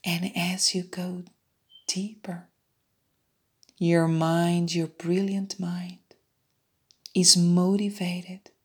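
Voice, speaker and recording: Very slow whispering woman, breathy. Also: on the low side, flat delivery. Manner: soft unvoiced whisper, soothing repeated suggestions. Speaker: meditation guide. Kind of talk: whispered guided hypnosis meditation.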